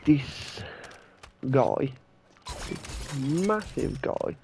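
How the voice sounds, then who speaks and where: A man's voice: medium pitch, lively intonation, extremely slow, creaky, background noise. A young man casually telling a story while gaming, rambling and swearing as he retells what happened. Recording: loud game gunfire behind the voice.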